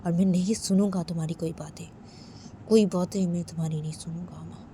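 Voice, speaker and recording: A woman's voice: lowish voice, steady tone, moderate pace, warm tone, slight background noise, natural voice. A woman voicing an angry young man who cuts his lover off and keeps repeating himself.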